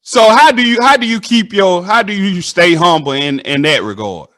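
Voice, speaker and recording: A man, hosting a casual interview and telling animated stories that act out the dialogue. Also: high voice, moderate pace. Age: 30s. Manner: animated storytelling, acts out dialogue.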